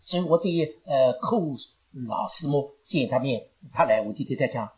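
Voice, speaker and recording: Lively elderly woman addressing a congregation. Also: very deep voice, moderate pace. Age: older. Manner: animated, rambling, laughs often, slips in English phrases. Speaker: elderly church member giving thanks. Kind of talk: emotional speech to a congregation. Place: church gathering.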